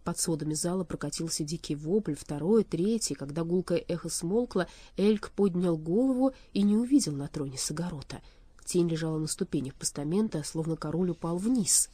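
A woman's voice: lowish voice, normal speed, mellow, dry recording. A woman reading a fairy tale aloud as narrator, with a storyteller's rising and falling tone.

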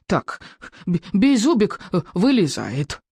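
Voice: medium pitch, sing-song, takes it slowly, a little mellow, breathy edge, no room sound, studio quality, heavily acted. A reader voicing a muffled stuttering little dragon. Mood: whiny. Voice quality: stutters, speaks of himself by name. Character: small stuttering male pet dragon, bossy. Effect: muffled from inside a helmet. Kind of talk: audiobook narration.

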